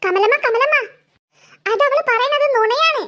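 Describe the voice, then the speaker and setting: A woman's voice: extremely high pitch, unhurried, fairly bright tone. A woman voicing a blundering, blunt little boy. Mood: blurting. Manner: stammering, blurting.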